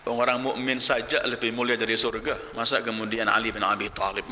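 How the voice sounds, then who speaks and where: A man preaching a sermon, telling stories dramatically with loud exclamations and hushed low phrases. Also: level tone, brisk, slight background noise. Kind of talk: sermon storytelling. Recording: echoey hall with long reverb.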